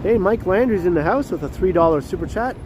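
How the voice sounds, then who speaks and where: Walking a nighttime city street amid traffic, a livestream host talks fast in a high-pitched, lively voice, stuffy-nosed from a cold. He keeps things casual and chatty, laughing often and greeting viewers from the chat by name, while street noise fills the outdoor recording.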